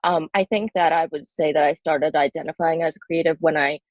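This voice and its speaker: A woman's voice: deep voice, steady tone, brisk, no room sound. A woman in her thirties from Bangladesh, raised in New Jersey, talking casually as an interview guest, with lots of ums and likes and a matter-of-fact tone. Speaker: guest poet.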